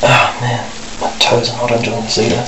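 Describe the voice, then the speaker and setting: A man in his thirties sits shivering in ice-cold water in a small bathroom's bathtub, chatting casually with the camera operator. His mid-range voice is completely flat and a little fast. A handheld camera a short distance away picks him up, so the audio is echoey and noisy.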